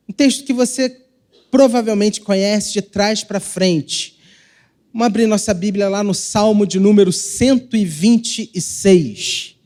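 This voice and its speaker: A male pastor preaches in a Carioca Brazilian accent, turning his s into a soft sh. His voice sits high for a man and has a mellow, dark tone. He moves slowly and deliberately, stretching phrases and leaving pauses. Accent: Carioca (Rio de Janeiro) Brazilian Portuguese. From Rio de Janeiro, Brazil. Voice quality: hushing sh sound for s. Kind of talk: sermon to a congregation.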